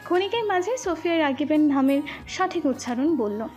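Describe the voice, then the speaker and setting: A woman narrating a romantic story with an expressive, flowing delivery. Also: high-pitched, moderate pace, faint music behind. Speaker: voice artist, storyteller.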